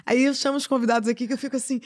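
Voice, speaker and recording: A Brazilian woman hosting a casual chat, effusive and quick to interject. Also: on the high side, fairly even intonation. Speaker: host.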